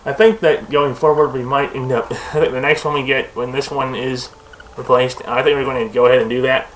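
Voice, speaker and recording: A man's voice: medium pitch, steady tone, a little fast, a little hiss or hum, poor audio. A young man talking casually at his computer, rambling with lots of fillers, restarts and tangents. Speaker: video host.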